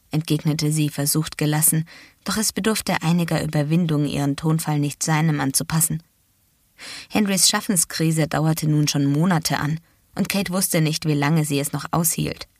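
A woman narrating a novel in a steady, even storytelling manner. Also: low-pitched, moderate pace, no echo, studio quality.

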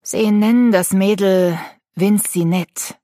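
A woman reading an audiobook voices a gruff middle-aged male driver who grumbles slowly. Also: high-pitched, fairly even intonation, mellow, no echo, clean studio sound. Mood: grumbling.

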